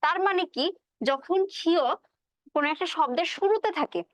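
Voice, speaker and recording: With no echo in the recording, a high-voiced woman lectures her class about a poem's meaning and pronunciation. She reads the verse out slowly, raising questions and then supplying the answers herself.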